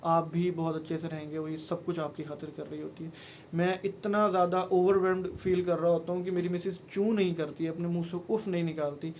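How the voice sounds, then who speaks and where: A man's voice: high voice, a little mellow, slight background noise. A man, giving earnest, pleading advice to camera in a personal vlog and mixing in English phrases. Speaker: vlogger.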